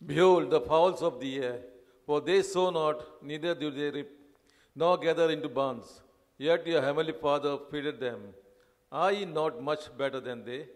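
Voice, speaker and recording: A man reads a scripture passage aloud at a measured, steady pace, his voice somewhat raised in pitch. He sounds set back from the mic. A long hall reverb trails every line. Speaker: scripture reader.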